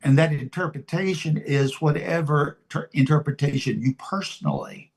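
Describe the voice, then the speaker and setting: A pastor in his seventies preaches an informal sermon in a fairly high voice. He speaks deliberately and emphatically, pausing and repeating his phrases.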